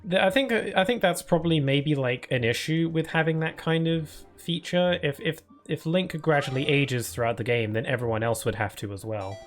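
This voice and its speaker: A man with a slightly high voice streams a game and talks at normal speed with hardly any pauses, faint music in the background. He answers viewers aloud in loose, filler-heavy chat with restarts, using what he calls a permanent cold voice.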